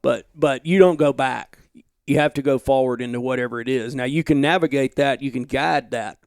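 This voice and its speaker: A man's voice: medium pitch, fairly quick, creaky, clean tone, dry recording, clean studio sound. A man talking as a podcast guest, thoughtful and reflective, drawing on history and books in casual conversation. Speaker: guest, outdoor journalist.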